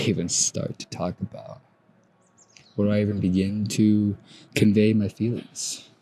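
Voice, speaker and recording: A young man in his twenties with a fairly low voice talks slowly through his thoughts on his own podcast. He muses softly, trails off and starts sentences over, recorded outdoors at sunrise. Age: 20s. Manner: soft-spoken, musing, trails off and restarts. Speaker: podcast host. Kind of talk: reflective solo podcast monologue.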